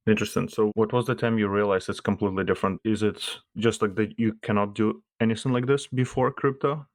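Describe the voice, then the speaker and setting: A man's voice: fairly low pitch, steady tone, fast, no echo, studio quality. A man hosting a podcast, asking short, curious questions in a casual interview. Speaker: podcast host.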